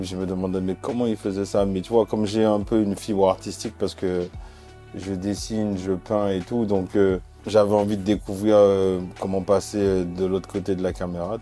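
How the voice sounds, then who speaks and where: A very deep, mellow-voiced man from Martinique, a music video director in his forties, talks in a relaxed and hesitant way, with many fillers and restarts. Faint music plays behind him. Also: normal speed. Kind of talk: relaxed interview chat.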